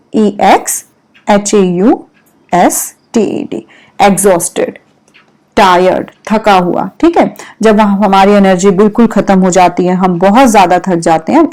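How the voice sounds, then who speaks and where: A woman's voice: medium pitch, darkish tone, rough recording. A woman teaching English vocabulary with an Indian accent, spelling words out letter by letter and explaining their meanings patiently. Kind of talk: vocabulary lesson mixing English and Hindi.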